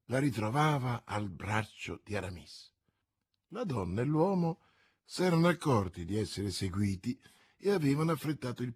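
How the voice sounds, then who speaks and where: A man with a husky voice narrating a classic novel aloud in a measured, dramatic storytelling manner. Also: medium pitch. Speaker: audiobook narrator. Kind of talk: scripted literary narration.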